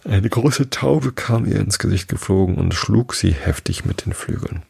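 Storybook narrator, male, low gravelly husky voice, steady reading. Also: normal speed. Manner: steady, plain reading with small slips.

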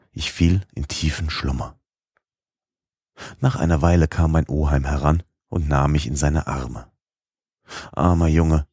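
A man reads a classic adventure novel aloud with a very deep, husky voice. His delivery is expressive and lifts into the dialogue. The recording is close and dry, with no room sound. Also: no echo. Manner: expressive reading, voicing the dialogue. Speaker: audiobook narrator. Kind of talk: scripted narration of a classic novel.

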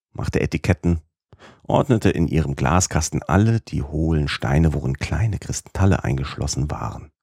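A man reading a classic novel aloud as first-person audiobook narrator, in a measured, literary storytelling manner. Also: rumbling low, a little mellow, husky, no echo, studio quality.

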